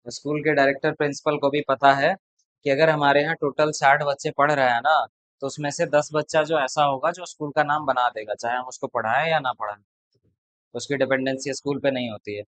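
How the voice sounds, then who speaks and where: A man's voice: mid-range voice, steady tone, a little fast, fairly bright tone, dry recording, rough recording. Blunt chatty male tutor, dry sound. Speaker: math tutor. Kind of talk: casual classroom talk to students.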